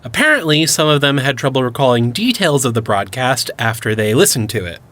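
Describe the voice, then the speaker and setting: A man's voice: mid-range voice, very animated, fairly quick, a bit bright. An actor playing an enthusiastic young male cryptid hunter who explains things eagerly in an audio drama. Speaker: lead character.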